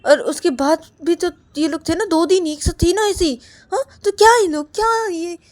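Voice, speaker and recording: Loud high insistent young husband, as a woman puts him on. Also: normal speed. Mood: protesting.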